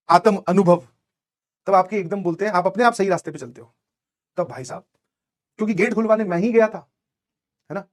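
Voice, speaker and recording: Fast-talking Indian male teacher. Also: high-pitched. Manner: conversational, checks understanding with asides; mixes Hindi with English phrases. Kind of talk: motivational classroom storytelling.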